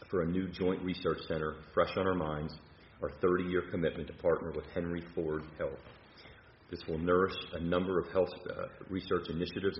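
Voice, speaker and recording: A man, a university leader, delivering a measured prepared speech with occasional fillers and restarts, from a podium in a large hall. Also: deep voice, a little hiss or hum. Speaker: university president. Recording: roomy, dull hall recording.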